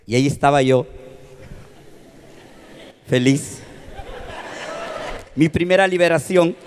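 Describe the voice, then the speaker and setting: A Peruvian preacher with a notably high voice for a man tells his testimony with dramatic emotion. He keeps turning to the congregation as he speaks, his voice rising and falling with the story. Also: slow pace, crowd noise, background noise. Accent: Peruvian Spanish. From Peru. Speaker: presbyter preacher. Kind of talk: testimony sermon.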